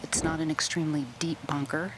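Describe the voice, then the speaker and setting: Female golf commentator amid loud outdoor noise. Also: sits low, little pitch movement, a little fast. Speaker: golf commentator, course analyst. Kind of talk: live golf tournament commentary. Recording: very noisy outdoor sports broadcast. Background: loud outdoor ambience.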